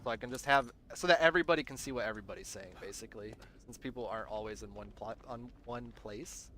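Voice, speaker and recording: A young gaming streamer from Southern Virginia, his accent a loose mix of American ones, chats casually on a livestream. His mid-range voice is fast, pushed and bright, with slight background noise, and he rambles, answers his chat and trails off.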